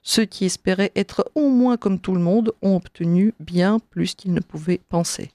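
A woman reading a religious text aloud in a measured, solemn way, then giving her commentary on it, with the odd slip. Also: mid-range voice, mellow, dry recording. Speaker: reader and commentator.

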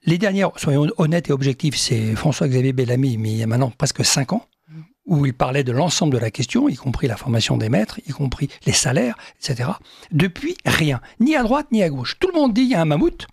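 Gravelly indignant male co-host. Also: a little high, very animated, a little fast, a little mellow, no room sound, studio quality. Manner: indignant, emphatic, with hesitations. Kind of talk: radio talk show commentary.

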